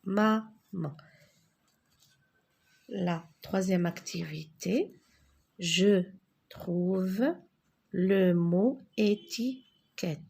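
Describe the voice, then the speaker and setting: A woman leads a reading lesson, breaking words into letters and syllables with long pauses. Her voice is husky and a little gravelly, and she speaks very slowly. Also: medium pitch, dark tone. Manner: spells out letters and syllables with long pauses, asks pupils to repeat. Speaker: teacher.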